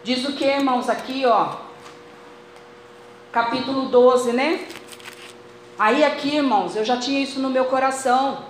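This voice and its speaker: Pausing often and speaking a little slowly, a woman with a high-pitched voice and a Brazilian Portuguese accent preaches fervently in church, addressing the congregation as brothers. The recording has heavy echo from the hall and faint noise.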